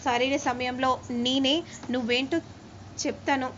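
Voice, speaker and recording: A steady, soothing husband, as a woman narrator puts him on, explaining patiently in a high, even voice. The recording is dull and lo-fi, with a faint ambient hum behind. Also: a little slow. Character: calm adult man, a reassuring husband.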